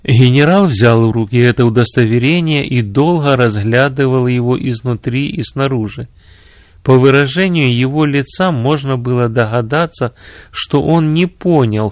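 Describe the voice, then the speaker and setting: Man reading a story out, calm measured narration, dry close mic. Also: medium pitch, no room sound. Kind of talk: scripted narration.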